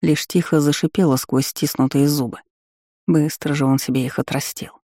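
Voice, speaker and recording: A man reading a fantasy audiobook as a steady, expressive first-person narrator. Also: on the high side, normal speed, no room sound, studio quality.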